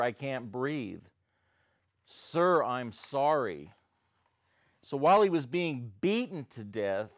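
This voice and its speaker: A man's voice: mid-range voice, dry recording. A man who is a studio guest, speaking earnestly and sounding upset. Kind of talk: studio talk.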